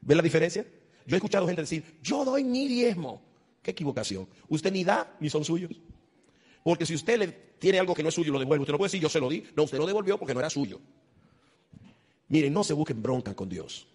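A male pastor preaching an animated sermon, acting out voices and rising to loud, high exclamations. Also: fast talker, slightly rough. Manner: acts out voices of God and churchgoers. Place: church. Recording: long hall reverb.

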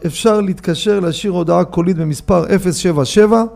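A male rabbi leads a casual Torah lesson, reading out rulings and turning often to his listeners with questions. His voice sits high and carries a gravelly edge. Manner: animated, asks listeners questions and reads quoted rulings aloud. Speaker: rabbi teaching a Torah class.

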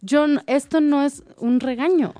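A woman co-hosting a casual chat, animated and acting out quoted dialogue. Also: sits high, a little slow, dry recording, studio quality, faint music behind. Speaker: co-host.

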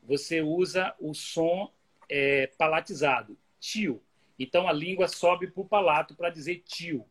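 Over a lagging video call, a man from Bahia, Brazil, whose Bahian Portuguese accent has taken on a Pernambuco tone, explains things at length in casual conversation. His voice is a little high, a bit bright and husky, his pace measured, and he thinks aloud, often restarting.

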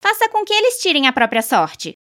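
A woman reading aloud and voicing an indignant, frantic village wife who shouts her protests. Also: high-pitched, huge pitch swings, a little fast, pitched above the performer's own voice, heavily acted. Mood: protesting.

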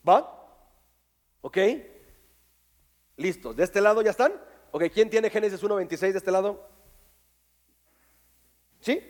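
A man preaching a sermon to his congregation, lively and jokey, quizzing people on verses. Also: sits high, measured pace, pauses often. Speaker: pastor. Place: church hall with congregation.

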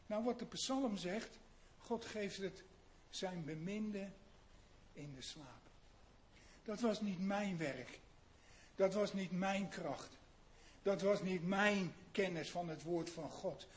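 A man with a fairly high voice preaches a sermon at an unhurried pace. He asks his listeners questions. He moves from quiet, low passages to loud, emphatic ones. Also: a little hiss or hum. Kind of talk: sermon on a psalm.

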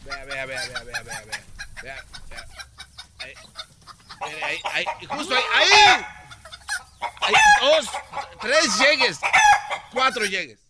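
A man playing a loud, excitable rancher's lawyer in a comedy radio mock trial. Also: mid-range voice, a little slow, long pauses, very noisy, close to an everyday voice. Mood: pleading. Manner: shouting, accusing, laughing.

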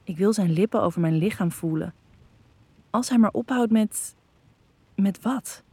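A woman narrating a first-person erotic audio story, calm and intimate. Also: medium pitch, a little slow, husky, no echo.

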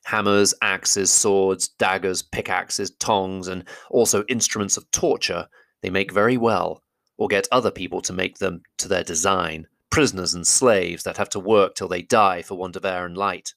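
A man narrating a classic fantasy novel as an audiobook, with a steady, measured storytelling delivery. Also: deep voice, vocal fry, no echo. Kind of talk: audiobook reading.

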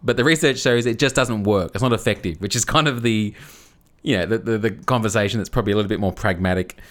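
A man's voice: lowish voice, fast. A man co-hosting a casual podcast, explaining a topic at length, often restarting and repeating words as he goes. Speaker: podcast co-host.

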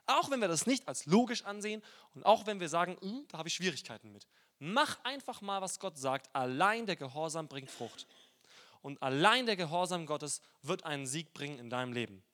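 Bright, high-voiced man preaching lively. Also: a little fast. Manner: lively, colloquial, playful storytelling. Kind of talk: sermon.

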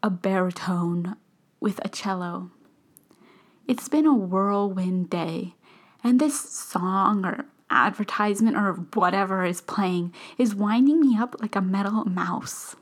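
A woman reading a first-person story aloud, often slipping into a soft whisper. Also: mid-range voice, slow pace. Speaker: narrator.

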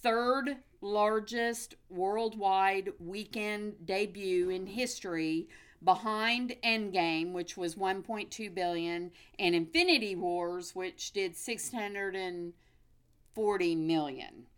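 A woman's voice: medium pitch, slow, smooth. An American woman hosting a casual movie news chat in an upbeat, chatty, folksy way. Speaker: movie podcast host.

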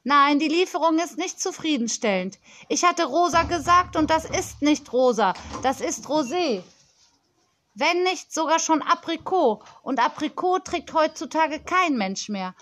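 Brief: woman playing a spoiled rich girl of ten for a storybook, high and loud, prim and demanding. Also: animated, a little slow, a little hiss or hum.

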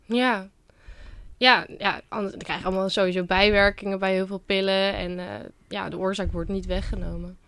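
Female podcast host, mid pitch, friendly and chatty with her guest. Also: steady tone, moderate pace, a bit bright, no echo. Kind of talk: podcast interview.

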